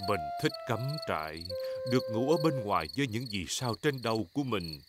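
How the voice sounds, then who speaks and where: A man's voice: on the low side, sing-song, fairly quick. A man voicing a jolly, self-assured father pig in a dubbed preschool cartoon, drawling and good-humoured. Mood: musing. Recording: loud music and effects behind.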